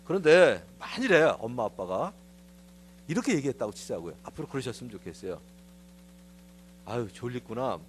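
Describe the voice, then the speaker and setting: A man's voice: mid-range voice, quick pace, a little hiss or hum. A middle-aged man, a pastor, giving a conversational sermon in a church, telling stories in a confiding, personal way. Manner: animated storytelling, acting out quoted voices. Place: church sanctuary.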